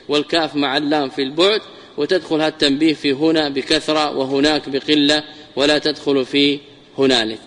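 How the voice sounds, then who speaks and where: A man's voice: a little high, a bit bright, in a large hall. A man giving a classical grammar lesson, repeating key words and drawing them out for emphasis. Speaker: teacher of Arabic grammar.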